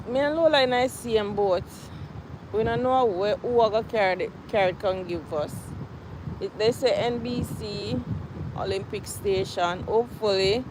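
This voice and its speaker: A woman with a Jamaican accent chats casually on a live stream, winded from a walk. She talks slowly, with sighs between phrases. Clear outdoor noise and traffic sit behind her voice. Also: on the high side, darkish tone. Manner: winded from walking, sighing. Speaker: livestream host. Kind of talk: casual live chat with viewers. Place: outdoors on a campus. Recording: noisy outdoor ambience with traffic.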